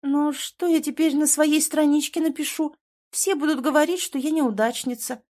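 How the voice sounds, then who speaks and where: A woman voicing a capricious, clingy young woman in an audiobook, with a pouty, whiny, shrill manner. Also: steady tone, moderate pace, a little mellow, close to an everyday voice. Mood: whiny, haughty. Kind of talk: audiobook character voice.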